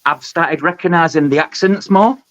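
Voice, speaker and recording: A man from the north of England with a Northern English accent, a guest in a casual live chat, excitable and prone to stammering restarts. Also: fairly high pitch, moderate pace, lo-fi sound.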